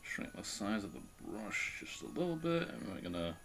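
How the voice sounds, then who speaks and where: A man's voice: on the low side, sing-song, normal speed, fairly bright tone, faint music behind. A man streaming live, chatting casually and with a self-deprecating tone as he thinks aloud while he draws.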